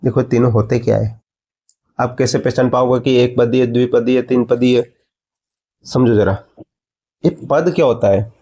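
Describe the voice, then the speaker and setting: A man's voice: medium pitch, steady tone, normal speed, pauses often, dark tone, husky, lo-fi sound. A man teaching a maths lesson, explaining step by step and asking his students questions before answering them himself. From India.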